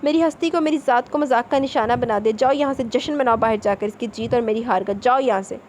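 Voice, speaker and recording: Bitter tearful young woman, fairly high voice, read by a woman narrator. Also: a little mellow, a little hiss or hum, natural voice. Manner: pleading then furious outbursts.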